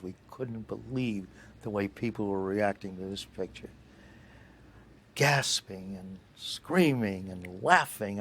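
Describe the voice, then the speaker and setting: An older male film producer telling animated interview anecdotes and acting out the dialogue. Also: lowish voice. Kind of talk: interview storytelling.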